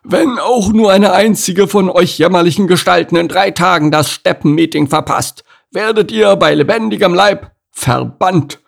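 A man voicing a boastful young male jackal in a children's audiobook, squeaky and blustering. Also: normal speed, vocal fry, few pauses. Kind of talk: audiobook character voice.

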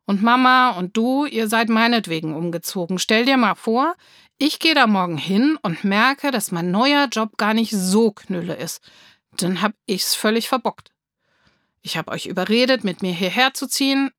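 A woman voicing a patient, loving father who reasons with his daughter in a gently firm, coaxing way, in a storybook reading. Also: on the high side, lively intonation, moderate pace, dry recording, studio quality.

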